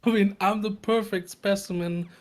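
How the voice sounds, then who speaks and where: A woman's voice: mid-range voice, steady tone, normal speed, a little mellow. A woman with a Danish accent chatting casually on a game stream over a voice call. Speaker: moderator and friend of the streamer.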